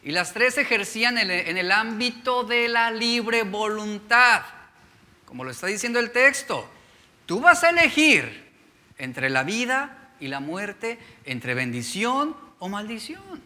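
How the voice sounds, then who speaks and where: A man's voice: high voice, very animated, unhurried, pushed and bright. A male pastor preaching a sermon, asking the congregation rhetorical questions as he reads and explains scripture.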